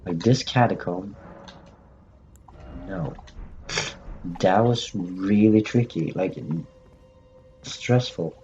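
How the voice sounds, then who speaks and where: A gaming channel host narrates a let's-play in a low, darkish voice, drawing out words and pausing often over game music and lo-fi sound. He talks in jumpy bursts, repeats phrases to himself, and answers back to the game characters.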